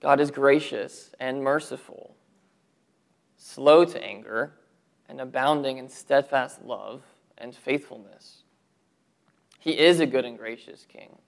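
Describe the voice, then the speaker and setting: A man preaching a sermon to his church, earnest, with rhetorical questions and drops to a low voice for emphasis. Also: slow, creaky, pauses often. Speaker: pastor.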